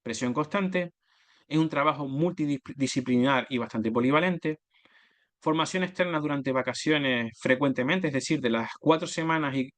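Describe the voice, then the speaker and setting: A man's voice: a little high, fairly bright tone. A man giving an explanatory slide presentation, methodically listing points and correcting himself mid-word. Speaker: oil and gas business development manager giving a talk.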